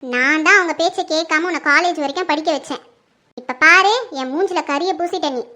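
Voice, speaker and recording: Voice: very high voice, fairly quick, sharp tone. A performer in a home-made family skit, playing a middle-aged mother who sharply accuses her daughter. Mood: angry, accusing. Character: furious middle-aged mother, suspicious and scolding.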